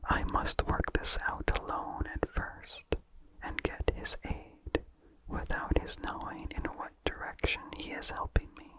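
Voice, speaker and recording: Old horror stories are read aloud here by a narrator who whispers breathily without voicing, ASMR-style. The delivery is slow and measured, and the recording quality is low.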